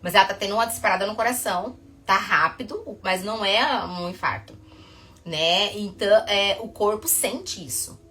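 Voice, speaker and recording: A woman, a psychotherapist talking casually to camera, telling stories in a chatty way that rushes ahead and then stops herself. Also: mid-range voice, pushed and bright.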